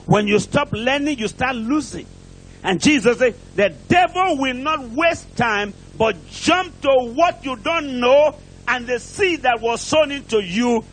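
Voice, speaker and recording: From a church pulpit, a foreign guest preacher in England gives a declamatory prosperity sermon, repeating short phrases and posing rhetorical questions to his congregation. His voice is very high-pitched and the recording is poor.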